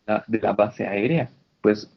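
A man's voice: lowish voice, takes it slowly, husky, lo-fi sound. A man, chatting casually and animatedly over a call, full of slang and restarts. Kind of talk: casual chat. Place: indoors in Canada.

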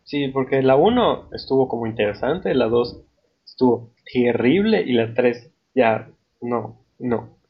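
Husky man, dry joker. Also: medium pitch, expressive, unhurried, dull audio. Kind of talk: casual chat.

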